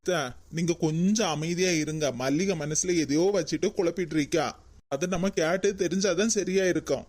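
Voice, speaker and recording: A woman voicing a caring, insistent daughter-in-law with a Kanyakumari Tamil accent, who keeps probing and coaxing in an animated comedy cartoon. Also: on the low side, brisk, lightly acted.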